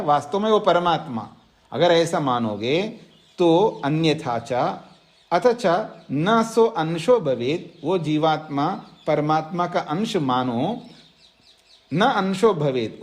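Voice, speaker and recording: A man teaching a scripture class, reciting Sanskrit verses and explaining them line by line, repeating phrases so students can write them down. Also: on the high side. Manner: slow, repeats phrases for dictation. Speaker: Vedanta teacher. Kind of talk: scripture lecture. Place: ashram class.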